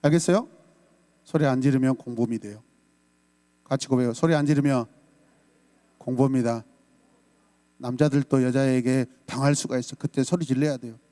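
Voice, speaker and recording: Emphatic Korean pastor preaching in a reverberant hall. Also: male voice, medium pitch, steady tone, moderate pace, long pauses. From South Korea. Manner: emphatic preaching, shouts lines for the congregation to repeat. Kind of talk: sermon.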